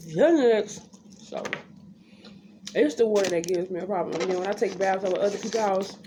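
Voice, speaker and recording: A woman's voice: mid-range voice, vocal fry, mellow. A young woman chatting casually to camera, telling a story in a blunt, unfiltered, slangy way. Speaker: vlogger telling her birth story. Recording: background noise, home ambience.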